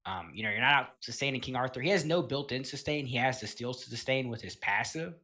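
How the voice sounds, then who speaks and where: A man casually talking through a game tier list, rambling and filling pauses with um and you know. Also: mid-range voice, lively intonation, sharp tone. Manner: laid-back, chuckles between points. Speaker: gaming video host.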